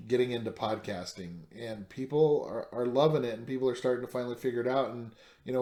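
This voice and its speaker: A man's voice: mid-range voice, a little mellow, reverberant. A man co-hosting a podcast in casual chat, rambling with lots of fillers and restarts. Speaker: podcast co-host.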